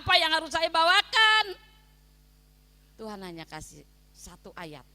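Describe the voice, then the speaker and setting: A woman pastor preaching a sermon, swinging between soft asides and loud, emphatic calls to her listeners. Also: medium pitch. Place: prison hall, preaching to inmates. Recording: long hall reverb.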